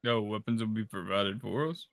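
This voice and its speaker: Very gravelly man, rambling player. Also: fairly low pitch, normal speed, no room sound, clean studio sound. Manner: rambling, stammering. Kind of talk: casual tabletop game chat.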